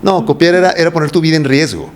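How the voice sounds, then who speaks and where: Fast and fairly high-pitched, with a little hiss or hum, a man speaks in a Mexican Spanish accent. He is a voice coach on a casual interview as a guest, talking at length and asking rhetorical questions often.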